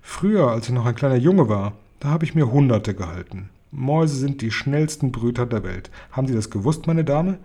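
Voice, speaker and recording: A man's voice: medium pitch, animated, moderate pace, few pauses, warm tone. A man voicing a talkative old taxi driver in a storybook reading. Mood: chatty.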